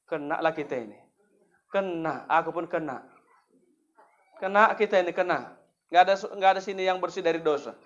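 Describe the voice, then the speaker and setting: A man's voice: high voice, highs cut off. A man with a North Sumatran Indonesian accent giving a humorous sermon to a women's study group, joking and speaking straight to his listeners. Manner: lively, joking, often addresses listeners directly. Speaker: preacher.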